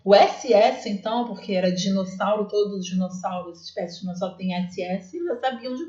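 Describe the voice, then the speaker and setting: A woman's voice: mid-range voice, brisk, dark tone, roomy sound, highs cut off. A woman teacher with a Brazilian Portuguese accent, explaining her classroom literacy work in a chatty way, full of fillers and restarts. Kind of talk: explaining classroom practice to viewers.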